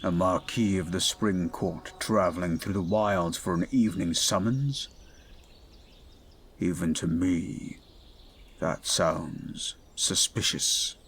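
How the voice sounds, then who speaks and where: In an audio roleplay, a man plays a towering goliath of a bodyguard, stoic, dutiful and protective, speaking formally with a measured, commanding delivery. His voice is low, the mood dry and gentle, and a little hiss or hum sits in the recording.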